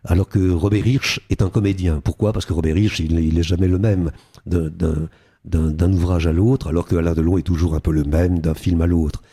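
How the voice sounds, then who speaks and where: A man's voice: deep voice, steady tone, brisk, warm tone, breathy edge. An older man, an actor being interviewed on radio, talking animatedly and slipping into character voices now and then. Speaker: guest actor.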